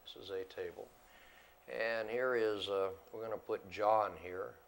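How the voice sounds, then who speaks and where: A man teaching an English grammar lesson to a class, slow and deliberate, repeating words and switching between English and Spanish. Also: lowish voice, fairly even intonation, vocal fry, slight background noise.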